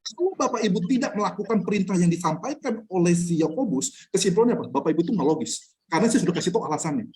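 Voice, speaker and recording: Male pastor, quick and lively delivery, casual Bible-study teacher who pokes at his listeners with questions. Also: high voice. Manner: animated, blunt, rhetorical questions to the audience; chuckles between points. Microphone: online class recording.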